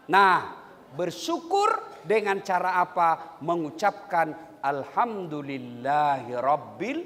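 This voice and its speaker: A male preacher giving a humorous sermon, joking, acting out quotes and singing snippets. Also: high voice. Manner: jokey, animated, acts out quotes and sings lines. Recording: long hall reverb, faint noise.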